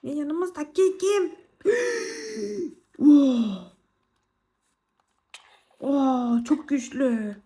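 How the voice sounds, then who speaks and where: A young woman chatting casually to viewers while playing a game, excitable and quick to exclaim. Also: high voice. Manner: excitable, exclaims and squeals often. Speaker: gaming vlogger. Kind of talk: casual gameplay commentary.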